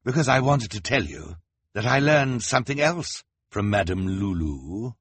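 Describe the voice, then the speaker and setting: Theatrical storybook villain, cruel and gloating, bright edgy tone, dry close sound; a man performs it. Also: on the low side, sing-song, breathy edge, no echo, heavily acted. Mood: taunting. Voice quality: drawn-out, sneering delivery. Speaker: audiobook reader. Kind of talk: audiobook character voice.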